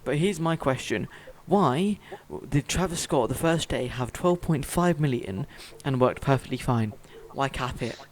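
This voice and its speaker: A young man in casual chat about video games, blunt and quick to swear. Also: medium pitch, animated, low-quality recording. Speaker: gaming YouTuber. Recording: faint noise with clicks.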